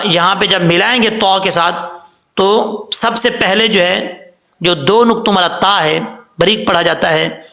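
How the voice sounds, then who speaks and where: A man teaching Quran recitation, patiently spelling out syllables slowly and chanting the verses. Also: high-pitched, bright, forceful tone. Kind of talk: tajweed lesson, spelling out and reciting words slowly.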